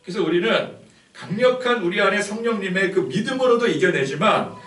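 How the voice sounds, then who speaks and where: A male pastor preaching a sermon in a conversational, animated way, full of fillers. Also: sits high, brisk. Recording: roomy church hall, distant mic.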